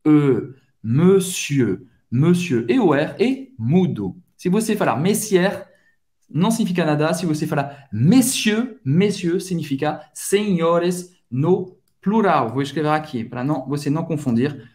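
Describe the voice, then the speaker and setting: Here a French teacher and channel host, a native speaker with a French accent, runs slow pronunciation drills, drawing each word out for the learner. He speaks a little high, with an expressive delivery and a darkish tone.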